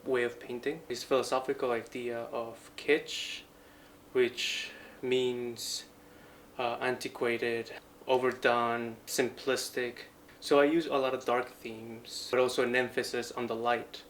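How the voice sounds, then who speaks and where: A young man from Colombia, aged in his twenties, speaks in a medium pitch and an even tone. He's a Franciscan friar and painting student giving an interview monologue of personal reflection, pausing often and using short phrases, with clear background ambience.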